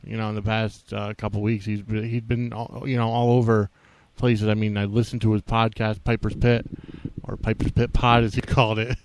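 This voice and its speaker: A man hosting a podcast alone, talking off the cuff in a halting, rambling way. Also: fairly low pitch, little pitch movement, a little mellow, slight background noise, poor audio. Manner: halting and rambling, frequently restarting thoughts. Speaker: wrestling podcast host. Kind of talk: unscripted solo podcast talk.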